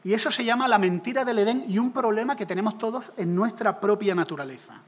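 A man preaching a humorous sermon, jokey and animated, acting out little scenes. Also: high voice, fast, husky, long reverb tail.

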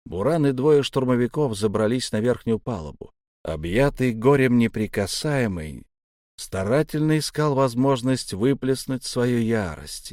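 A man's voice: fairly low pitch, darkish tone, no room sound. Male audiobook narrator, dry sound. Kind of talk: scripted narration.

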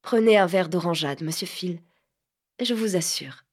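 A woman reading an audiobook voices a poised, aloof grown woman who speaks with grave, unhurried irony. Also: mid-range voice, darkish tone, close to an everyday voice. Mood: languid.

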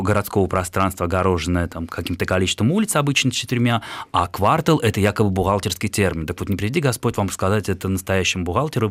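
Low-voiced man explaining language. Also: dry recording. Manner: patient, explanatory, some hesitations. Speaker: language expert. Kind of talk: radio talk explaining usage.

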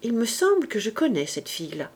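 Woman doing a cool sardonic male inspector, dry and unhurried, storybook reading. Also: a little high, husky, exaggerated voice. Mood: calm sardonic. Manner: calm, dry. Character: male police inspector, calm and sardonic captive.

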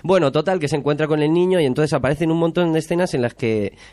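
A man's voice: a little high, quick pace, a little mellow. A man with a Spain Spanish accent, chatting casually as a podcast host and mockingly retelling a film plot. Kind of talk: casual film review chat.

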